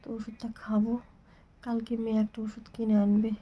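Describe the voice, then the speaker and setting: A woman with a sore, hoarse throat talking softly and half-whispering in a casual home vlog. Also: on the high side, completely flat delivery, brisk, muffled recording. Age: adult with a daughter. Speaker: vlogger.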